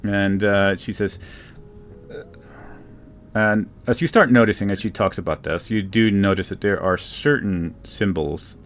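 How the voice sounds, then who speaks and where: A man narrating as game master in a relaxed, hesitant way with frequent fillers. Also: lowish voice, normal speed, few pauses, faint music behind.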